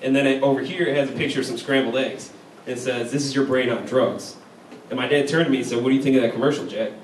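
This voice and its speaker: Young adult male stand-up comic, American, casual talky delivery, recorded from afar with clear background noise and audience laughs. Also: mid-range voice, steady tone, rapid-fire. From Chicago, United States. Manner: casual, conversational delivery with frequent "like". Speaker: stand-up comedian. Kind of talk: stand-up comedy set. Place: live stand-up show in a university venue. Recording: echoey, distant, noisy live room recording. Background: crowd laughter.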